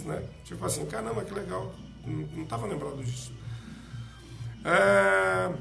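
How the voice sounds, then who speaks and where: Chatty man with a gravelly voice. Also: on the high side, a bit bright. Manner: chatty, joking asides to viewers. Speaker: live-stream host teaching poetry. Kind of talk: casual live-stream lesson. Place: home room with street noise outside. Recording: echoey room.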